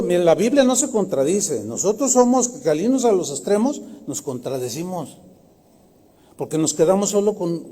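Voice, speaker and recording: A man's voice: sits high, mellow, big-room sound. A Mexican pastor preaching a sermon in a conversational storytelling manner, often checking that his listeners agree.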